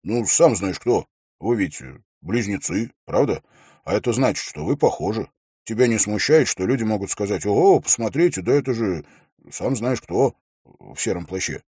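An earnest, honest young knight, voiced by a low-voiced man, who speaks a little hesitantly. The voice is deep and husky. The audiobook recording is dry and close. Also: animated, normal speed, mellow, dry recording.

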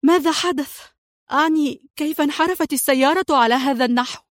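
A woman's voice: high-pitched, fast talker, a bit bright, no echo, clean studio sound, pitched above the performer's own voice. A woman voicing an anxious young female agent in a spy audiobook, sounding alarmed. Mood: shaken. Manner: breathless, alarmed.

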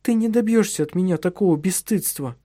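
A man's voice: a little fast, warm tone, dry recording, studio quality. A male narrator voicing a prim, frightened young French wife in a raised, pleading voice. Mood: indignant. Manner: high pleading voice rising to shrill cries.

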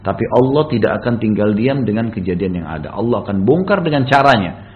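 A man's voice: on the low side, expressive, phone-quality sound. A male preacher telling a story in a sermon, rhetorical and full of tag questions to his listeners. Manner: rapid, rhetorical, with frequent tag questions to the audience.

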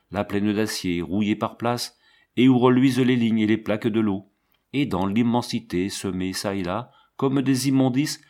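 A man narrating a literary novel as an audiobook, in a measured, expressive reading. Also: fairly low pitch.

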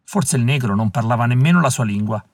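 A man narrating a novel aloud in a measured, calm reading voice. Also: medium pitch, no room sound. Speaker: audiobook reader. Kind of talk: scripted narration.

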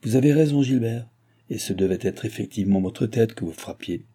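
A man's voice: fairly low pitch, fairly quick, dark tone, slightly rough. A man voicing a proud, jilted young woman who speaks indignantly and pleads in a read-aloud novel. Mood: wistful.

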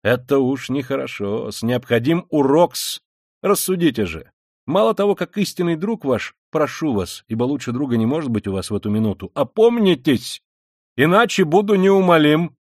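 A man's voice: fairly high pitch, big pitch swings, moderate pace, darkish tone, dry recording. A man reading aloud plays a pompous, oily middle-aged official who speaks with prim, fussy formality. His voice rises and falls a lot, and the recording is dry. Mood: stern. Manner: pompous, unctuous, deferential "-s" endings.

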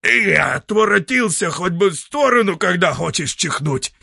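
A man voicing a grumbling old grandfather who digs for treasure and talks to himself in a gruff, exclaiming way. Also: fairly high pitch, sing-song, measured pace, fairly bright tone, dry recording, studio quality, pitched above the performer's own voice, full character voice.

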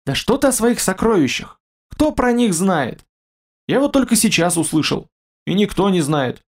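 A man voicing a nervous, scrawny male werewolf in human form who talks in a hurried, frightened way. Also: high voice, sing-song, voice pushed up, full character voice. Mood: agitated. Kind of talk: audiobook character voice.

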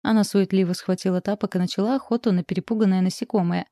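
A woman narrating a literary story in a calm, measured audiobook reading. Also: mid-range voice, no room sound, clean studio sound.

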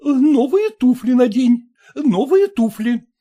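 Brief: a man playing a fretful middle-aged mother who nags and scolds, lively and mellow, storybook reading. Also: extremely high pitch, a little slow, full character voice. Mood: nagging. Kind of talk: audiobook character voice.

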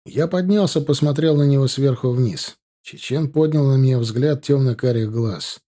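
Dark, husky man narrating an audiobook. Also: medium pitch. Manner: steady, measured, stern. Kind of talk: first-person audiobook narration.

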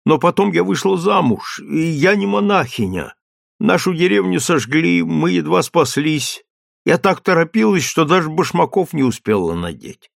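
A man voicing a frightened, ragged young peasant mother in an audiobook, answering timidly and haltingly. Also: a little high, expressive, gravelly, no echo, studio quality, voice pushed up, heavily acted. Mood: timid, pleading. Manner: timid, faltering. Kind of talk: audiobook character voice.

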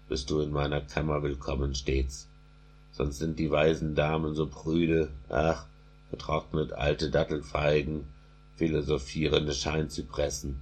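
A man voicing a doting, generous aging king in slow, solemn verse, with a husky voice. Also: rumbling low, darkish tone, full character voice.

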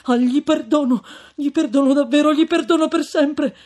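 A man's voice: extremely high pitch, drawn-out words, pitched above the performer's own voice, heavily acted. A man voicing a desperate, fervent young man who pleads in a raised, imploring voice, in an audiobook reading of a classic novel.

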